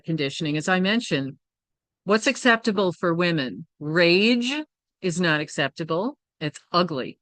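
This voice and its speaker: A woman's voice: on the low side, fairly bright tone, dry recording. A woman presenting a workshop, speaking candidly and reflectively, often checking in with her listeners. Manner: candid and reflective, with frequent "right?" and "you know". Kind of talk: personal teaching talk.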